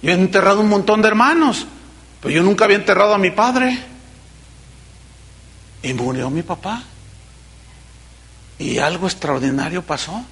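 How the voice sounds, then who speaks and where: A middle-aged man, a pastor preaching a sermon in an animated way, acting out quoted voices and dropping suddenly soft. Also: high-pitched, moderate pace, long pauses.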